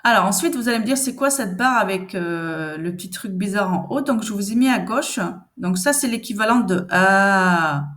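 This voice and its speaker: A woman teaching reading in a patient, conversational way, repeating sounds and syllables slowly and answering the questions she expects from learners. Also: mid-range voice, animated, a bit bright. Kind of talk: step-by-step reading lesson.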